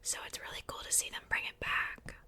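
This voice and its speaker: The speaker is a woman running an ASMR unboxing, her words a soft, breathy whisper with no voicing. She leaves pauses between phrases and repeats words quietly.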